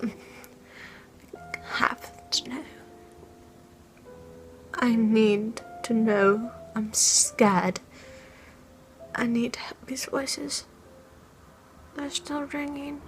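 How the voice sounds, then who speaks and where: Young woman plays a scared vlogger haunted by falling dreams, whispery and halting, highish voice, camera mic at home. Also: level tone, a little hiss or hum, poor audio. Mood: frightened. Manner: hushed, halting, often whispering. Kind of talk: in-character fan fiction vlog.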